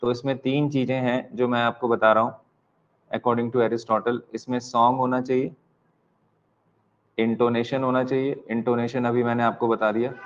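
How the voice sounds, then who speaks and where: A man with an Indian accent teaching an exam-prep lecture, mixing Hindi and English, dictating slowly, repeating key lines and spelling words out letter by letter. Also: medium pitch, dull audio, slight background noise.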